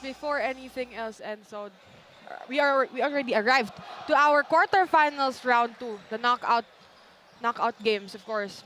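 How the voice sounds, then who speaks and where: A woman's voice: on the high side, sharp tone, a little hiss or hum. A woman with a Filipino accent hosting a live sports broadcast in a presenterly way, with stock linking phrases.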